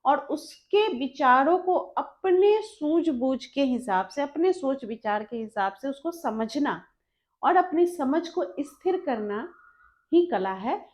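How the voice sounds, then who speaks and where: A woman's voice: high voice, expressive, takes it slowly, darkish tone. A young woman teaching an exam-prep lesson, explaining step by step and repeating key terms, mixing English words into her talk. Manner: mixes English terms into Hindi. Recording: slightly dull lo-fi recording.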